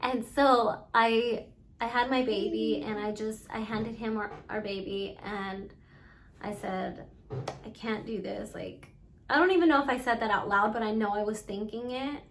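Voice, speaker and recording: A woman telling her own story straight to camera in a personal vlog, earnest and halting, pausing often as she goes. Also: fairly high pitch, steady tone. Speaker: vlogger recounting her own experience.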